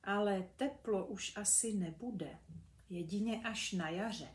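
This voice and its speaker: A woman voicing a patient, kindly mother bumblebee who explains things gently. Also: mid-range voice, lightly acted. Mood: gentle. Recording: echoey room.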